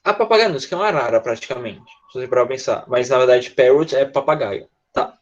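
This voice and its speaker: A man's voice: mid-range voice, animated, quick pace. Brazilian man teaching online, dull audio. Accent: Brazilian Portuguese. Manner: patient, repeats tá and né often. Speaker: English teacher. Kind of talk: online class lesson.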